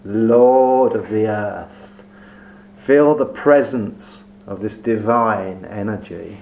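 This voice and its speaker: Man talking someone through a meditation, super slow and soft, dull lo-fi audio w a bit of hum. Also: medium pitch. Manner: slow, soft, soothing delivery with long pauses. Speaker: meditation guide. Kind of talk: guided meditation. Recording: dull lo-fi recording with faint hum.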